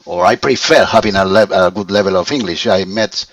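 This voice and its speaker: A Spanish man in his fifties, a learner of English, speaking in halting phrases with many restarts as he searches for words. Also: low-pitched, fairly bright tone, dry recording, distant mic, poor audio. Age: 50s. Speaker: language student. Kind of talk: conversational English lesson.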